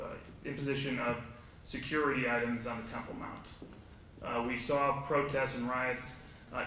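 A man on a conference panel arguing forcefully and with sarcasm. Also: mid-range voice, a little hiss or hum. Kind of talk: panel discussion argument. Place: conference hall. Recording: echoey hall, far from mic.

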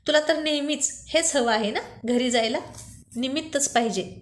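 A woman reading a teasing young boss, high and light. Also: natural voice. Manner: playful, coaxing lines read slowly. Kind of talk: storybook reading.

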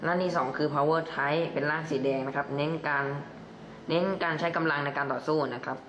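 A man's voice: fairly high pitch, steady tone, a little fast, fairly bright tone, muffled recording. A young man chatting casually through a toy review and padding his sentences with polite particles. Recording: echoey room, faint background noise.

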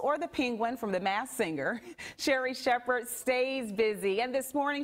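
A woman news anchor introducing and interviewing a guest in a friendly, upbeat manner. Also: on the high side.

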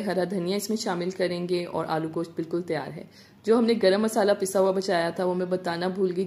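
A woman narrating a home recipe as a voice-over, giving calm step-by-step cooking instructions. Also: fairly low pitch. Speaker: cooking channel host.

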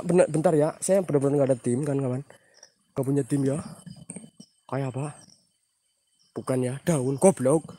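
Outdoors at night, a man hosts a live paranormal stream, chatting with viewers, reading out their names to thank them, and mixing in Javanese slang along with sudden exclamations. His voice is high-pitched and a little mellow.

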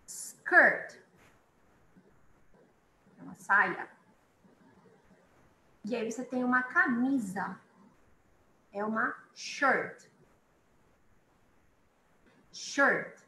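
A woman teaching a beginners' online English lesson, chatty, repeating each word slowly for her students. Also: fairly high pitch, pushed and bright, echoey room, a little hiss or hum, rough recording.

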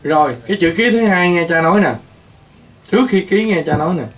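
High-voiced scolding priest. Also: male voice, fairly quick, fairly bright tone. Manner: scolding, rambling, exclaims often. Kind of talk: scolding talk to patients.

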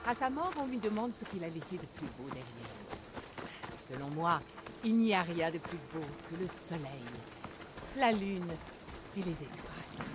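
An actress playing an older, proud poetess in a video game, declaiming theatrically like a stage performer. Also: female voice, on the low side, very animated, unhurried, over music. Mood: warm, earnest. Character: grey-haired old poetess, proud, theatrical, fond of her art. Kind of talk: video game character acting in French dub.

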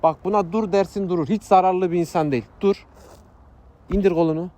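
A man's voice: high voice, fairly even intonation, fairly quick, mellow. A man outdoors urgently persuading strangers to watch someone for a couple of minutes. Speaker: prank accomplice. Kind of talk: casual street talk. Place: outdoors on a street.

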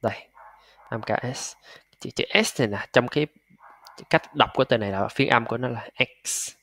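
A man's voice: medium pitch, a bit bright, no room sound. Man drilling pronunciation in a dry room. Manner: patient, repeats sounds slowly and drills them aloud. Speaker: English pronunciation teacher. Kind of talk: pronunciation lesson.

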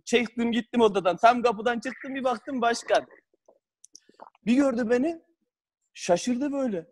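A man with a high, light voice spins lively anecdotes over a video call. He laughs through his stories and acts out the lines of the people in them. The sound is plain call audio. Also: a little slow. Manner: animated, laughs often, acts out quotes. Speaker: former footballer. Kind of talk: casual storytelling on a video call.

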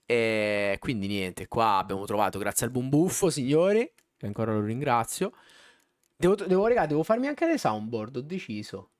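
A man's voice: mid-range voice, dry recording, studio quality. A man casually commenting on his gameplay live, slangy and talking to his chat. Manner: animated, slangy, talks to chat. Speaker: streamer. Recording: faint background music.

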